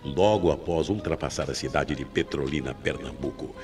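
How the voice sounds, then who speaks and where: Dramatic mystery narration comes from a Brazilian man with a very deep voice, who reads from a script with slow, deliberate, suspenseful phrasing. The sound is that of 1990s AM radio drama backed by music.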